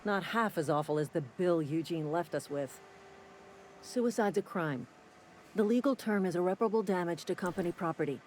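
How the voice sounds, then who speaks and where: A man voicing a gruff, cynical company-town clerk in video game dialogue, speaking curtly and sardonically. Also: sits high, normal speed, darkish tone, slight background noise, natural voice, poor audio. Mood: curt, sardonic. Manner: curt, sardonic and impatient.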